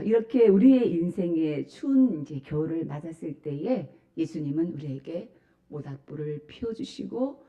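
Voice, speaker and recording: A woman's voice: sits low, warm tone, lo-fi sound. A woman pastor giving a Sunday sermon in a church, putting rhetorical questions to the congregation and preaching with emphasis. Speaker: senior pastor. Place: church sanctuary.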